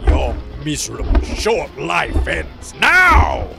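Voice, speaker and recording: Slow, gravelly, menacing demon lord. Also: female voice, fairly low pitch, wildly swooping pitch, over loud music, full character voice. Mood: threatening. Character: menacing demon lord Set, scornful of mortals. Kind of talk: audio drama acting.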